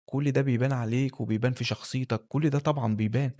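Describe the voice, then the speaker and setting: A man's voice: medium pitch, fairly even intonation, very fast, a little mellow. A man with an Egyptian Arabic accent recounts his own memories in a candid monologue, talking directly to the listener as if to a friend. His words tumble out at a breakneck clip, in a mid-range voice. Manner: candid, conversational, talks straight to the listener. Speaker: storyteller. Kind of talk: personal storytelling monologue.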